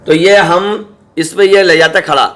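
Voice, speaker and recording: A man teaching Quran reading, spelling out syllables slowly and patiently and often checking that students follow. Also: on the high side, fairly even intonation, fairly bright tone. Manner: checks in with "samjhe?" and "theek hai". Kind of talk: spelling-out recitation lesson.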